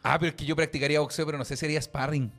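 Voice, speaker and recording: A man's voice: a little high, flat delivery, very fast, fairly bright tone, soft background music. A young man with a Chilean accent, chatting casually as podcast co-host in crude slang, laughing often. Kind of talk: casual chat.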